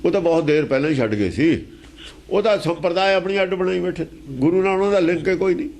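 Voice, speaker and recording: A man's voice: sits high, fast talker, darkish tone. A man teaching scripture in an emphatic, argumentative way, asking pointed rhetorical questions. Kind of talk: explaining scripture verse by verse.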